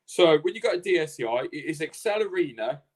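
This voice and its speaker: A man's voice: fairly high pitch, a little fast. Blunt, sweary man chatting. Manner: blunt, sweary, animated storytelling. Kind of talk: casual podcast chat.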